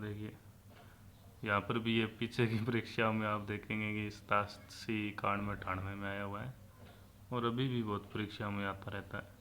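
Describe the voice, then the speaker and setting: Male teacher, steady and even delivery, little pitch movement, walks students through spellings. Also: a little hiss or hum. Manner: steady explaining tone, often addressing listeners as friends. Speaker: Hindi exam teacher. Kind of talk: spelling lesson for exam aspirants.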